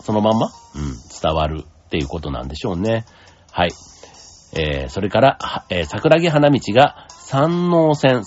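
A man hosting a casual solo talk show, relaxed and rambling with many fillers. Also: mid-range voice. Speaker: podcast host. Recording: dull lo-fi sound with faint music.

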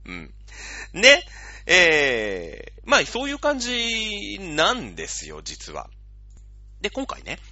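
A man's voice: medium pitch, bright, forceful tone, slightly rough, no room sound, dull audio. A man hosting a radio show, talking casually and explaining things with playful analogies.

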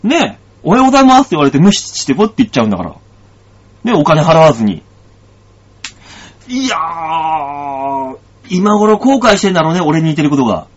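A comedian hosts a radio show, chatting casually as he tells a story and acts out the dialogue with animation. His voice sits on the high side, slightly rough, and he talks very fast. The recording has a dull, lo-fi sound.

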